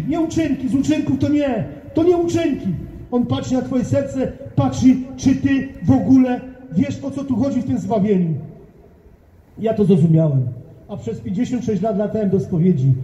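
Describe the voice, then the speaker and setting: Older male street evangelist, high and dark-toned, fervent and repetitive, in a reverberant market square. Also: a little hiss or hum. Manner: fervent, repetitive, addresses passers-by directly. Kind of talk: open-air street preaching. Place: town market square outdoors. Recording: echoey, dull lo-fi outdoor recording.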